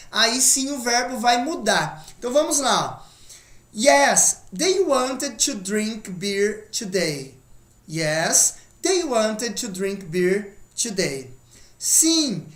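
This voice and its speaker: A woman teaching an online language lesson, explaining patiently and slowing down to model example phrases. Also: high voice, fairly bright tone, reverberant. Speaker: English teacher.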